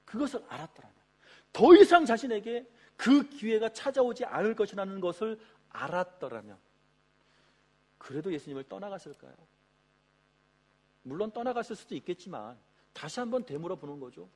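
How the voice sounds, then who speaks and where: A man's voice: sits high, animated, moderate pace, pauses often, darkish tone. A male pastor preaching a sermon in a church, who acts out quoted voices for dramatic effect. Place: church sanctuary.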